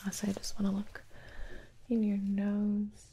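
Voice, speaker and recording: A young woman performs an ASMR role-play as a gentle, attentive doctor. Her soft, breathy soft voice is very slow and mellow, calm and reassuring. It is recorded close, with a faint noise underneath. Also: mid-range voice. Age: young adult. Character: calm, attentive female doctor examining a patient.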